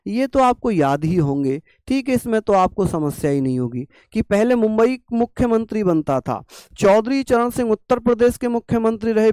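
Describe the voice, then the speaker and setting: A man's voice: sits high, darkish tone, clear, resonant tone, no room sound. Man teaching with a sore throat. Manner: coaxing, scolding students to take notes. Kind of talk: online exam-prep lecture.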